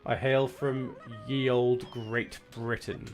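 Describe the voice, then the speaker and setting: Welsh guy streaming a game, chatty, bit gravelly, faint music behind. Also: medium pitch, level tone, slow pace. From Wales. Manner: chatty, reads out viewer chat. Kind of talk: casual gameplay commentary.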